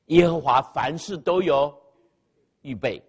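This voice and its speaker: Slow and slightly rough, with a voice on the high side, this pastor delivers his sermon through an amplified mic in a church sanctuary fitted with a sound system. He engages the congregation by repeating key phrases and asking them to respond out loud.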